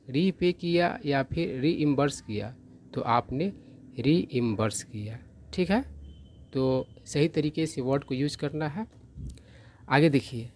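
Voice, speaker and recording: A man's voice: mid-range voice, a little mellow. A man teaching English vocabulary in Hindi, explaining each word patiently and checking understanding often. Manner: slow, patient explaining, repeats "ठीक है" checks; carefully spells out pronunciation.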